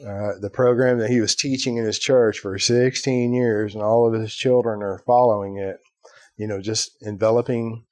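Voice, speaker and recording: Casting: male podcast host, lowish voice, chatty storyteller, dry close sound. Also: steady tone, moderate pace, a little mellow, no room sound. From Ireland. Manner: storytelling, acts out quoted voices, fillers like "right?". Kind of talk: casual conversation.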